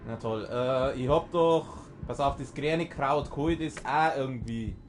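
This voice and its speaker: A man with a Bavarian accent doing excited, swearing let's play commentary on a horror game, often yelling and yelping. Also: medium pitch, a little slow, a little hiss or hum.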